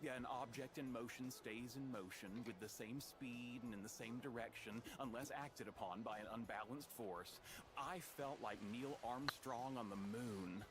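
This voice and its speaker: A man's voice: mid-range voice, moderate pace, close to an everyday voice. An American actor playing a grown man who wryly recalls his gifted childhood in precise, erudite, scripted voice-over. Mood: wry, nostalgic. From East Texas, United States. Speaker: narrator. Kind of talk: scripted first-person voice-over narration.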